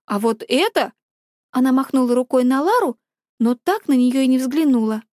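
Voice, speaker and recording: A woman reading a first-person audiobook aloud in an expressive, dramatic way. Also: high voice, a little fast, dry recording, studio quality. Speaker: audiobook narrator.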